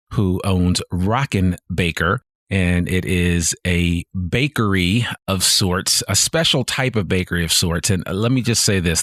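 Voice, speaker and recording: Man, podcast host, low voice, enthusiastic, casual, dry sound. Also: dry recording. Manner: upbeat, enthusiastic, laughs easily. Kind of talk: casual interview hosting.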